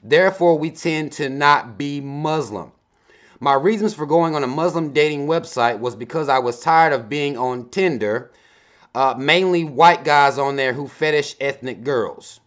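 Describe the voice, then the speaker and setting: A man in his thirties hosts a casual advice vlog, reading viewer emails aloud and dropping blunt, laid-back commentary between the lines, with lots of swearing. His voice is on the high side, fairly bright, and unhurried.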